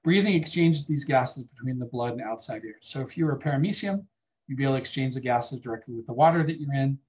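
A man's voice: mid-range voice, fast talker, darkish tone. A man teaching a biology lecture in a classroom, chatting with the class and asking students questions. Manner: conversational, asks the class questions.

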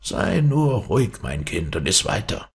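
A man's voice: sits low, very animated, a little slow, husky, voice pushed up, full character voice. A man reading a storybook, voicing a cunning, boastful trickster who mocks his foes. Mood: sly. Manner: mocking, gleeful taunting.

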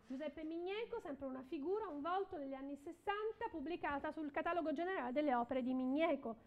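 A woman's voice: high voice, fairly quick, dull audio. A middle-aged woman working as an auctioneer at a live art auction, calling lots and repeating bids and counts in short phrases. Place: indoor auction room, at a podium.

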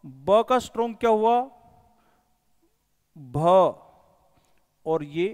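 A man's voice: high-pitched, animated, unhurried. A male coaching teacher giving a whiteboard lesson, patiently drilling sounds one by one and calling his viewers friends. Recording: echoey room with long reverb.

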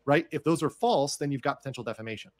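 Male commentator, mid pitch, brisk, informal explainer, keeps seeking agreement. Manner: checks in with "right?" often. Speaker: lawyer commentator. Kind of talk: casual explanatory live commentary.

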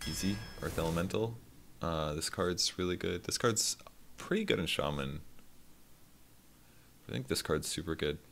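A man's voice: low-pitched, lively intonation, moderate pace, gravelly, pauses often, fairly bright tone, slight background noise. A man casually commenting on his own card game play as a streamer, self-deprecating and swearing freely.

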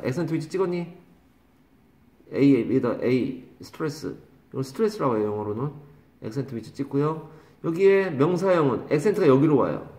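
Man, english teacher, teasing and scolding, slow drawn-out pronunciations, echoey classroom. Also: mid-range voice, darkish tone. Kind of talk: classroom vocabulary lesson.

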